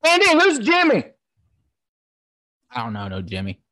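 A man playing a clueless halting debate candidate. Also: high-pitched, no room sound, studio quality, heavily acted. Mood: confused. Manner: confused, deadpan, halting.

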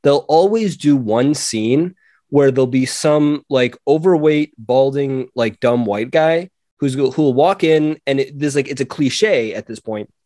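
A man co-hosting a podcast in casual chat, animated and acting out quotes in a raised voice. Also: mid-range voice, unhurried, no room sound, clean studio sound. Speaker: podcast co-host.

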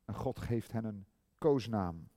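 A middle-aged male preacher giving a sermon, swinging from loud emphasis to hushed tenderness and drawing out key words slowly. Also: lowish voice, expressive, dry recording. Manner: slow, drawn-out stress on key words.

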